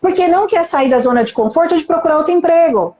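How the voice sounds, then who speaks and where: A woman's voice: very high voice, animated, fast talker, darkish tone, roomy sound. A Brazilian Portuguese-accented woman, a nurse manager and mentor, giving an emphatic motivational talk on a live stream, full of rhetorical questions and acted-out quotes.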